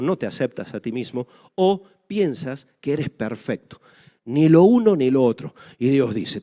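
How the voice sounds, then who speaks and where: A man preaching a sermon in an emphatic style, moving from loud exclamations to quiet asides. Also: mid-range voice. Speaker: pastor. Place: church livestream.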